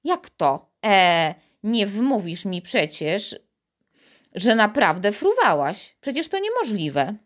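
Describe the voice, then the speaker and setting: A woman's voice: medium pitch, big pitch swings, takes it slowly. A woman voicing a skeptical, stubborn young boy who mocks and gets riled easily. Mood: doubtful.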